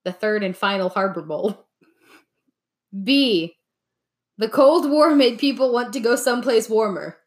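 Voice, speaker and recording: A woman's voice: fairly high pitch, lively intonation, unhurried, long pauses. A young woman co-hosting a casual trivia chat, reading out playful answer choices and laughing at her own jokes. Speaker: podcast co-host, quiz asker.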